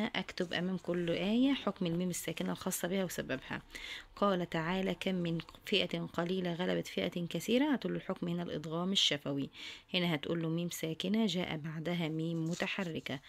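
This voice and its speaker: A woman's voice: on the low side, creaky. A woman teacher with an Egyptian accent, reading workbook answers aloud and repeating each one for her students, whom she addresses fondly. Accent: Egyptian Arabic. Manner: reads questions then answers in a dictating tone.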